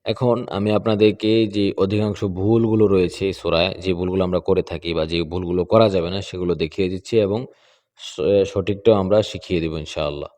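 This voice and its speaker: A man's voice: deep voice, fairly even intonation, fast, a little mellow. A man from Bangladesh, a Quran teacher, patiently correcting pronunciation step by step and checking in with his students.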